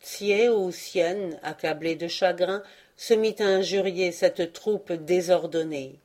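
A woman reading a classic tale aloud as an audiobook narrator, measured and even. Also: lowish voice. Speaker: audiobook reader. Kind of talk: storybook narration.

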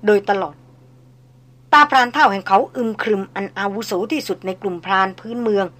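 A woman narrating an audiobook novel in a measured storytelling way. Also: medium pitch, a bit bright.

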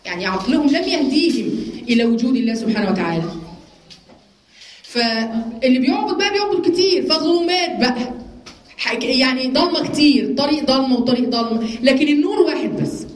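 A woman's voice: high-pitched, animated, fast talker, reverberant, rough recording. A woman with an Egyptian Arabic accent teaching a religious lesson to women, asking and answering her own questions as she explains verses. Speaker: Quran teacher.

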